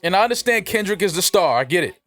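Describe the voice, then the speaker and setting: A man's voice: high voice, lively intonation, fast, fairly bright tone, soft background music. A man co-hosting a podcast in casual, slangy talk, repeating phrases for emphasis. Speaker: podcast co-host.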